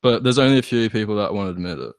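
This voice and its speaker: In casual podcast chat, this Australian band member comes across as hesitant, self-deprecating, and sweary. He talks fast in a fairly low, gravelly voice that is quite expressive.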